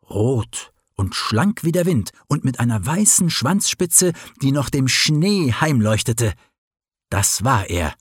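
A man reading a children's story aloud in a slow, expressive storybook narration. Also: mid-range voice, breathy edge, dry recording, studio quality.

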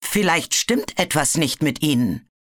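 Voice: medium pitch, expressive, a little slow, a bit bright, no echo, clean studio sound. A storybook narrator voicing a nervous male dragon who stammers and hesitates. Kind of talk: audiobook character voice.

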